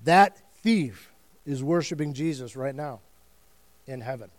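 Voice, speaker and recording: A man's voice: mid-range voice, expressive, a little slow. A man preaching a communion sermon as the church's student and family pastor, speaking earnestly and emphatically with frequent restarts.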